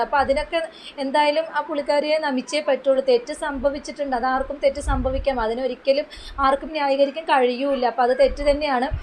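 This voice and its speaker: A woman commenting on another person's video, explaining in a steady way. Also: sits high, slight background noise, rough recording. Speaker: YouTube commentator.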